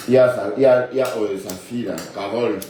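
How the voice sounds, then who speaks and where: In a live stream, a man rambles through casual commentary in a lowish, steady, dark voice at a quick pace. He keeps checking in with viewers through little asides, often saying "hein" and "d'accord". The room is echoey, with slight background noise.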